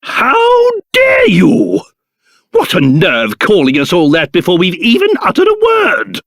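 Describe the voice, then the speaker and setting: A man voicing a pompous, excitable old cursed king in a video game, with a British accent and a theatrical manner that swings between grumbling and shrill outbursts. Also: moderate pace, no echo, clean studio sound, exaggerated voice. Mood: indignant. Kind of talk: video game character voice acting.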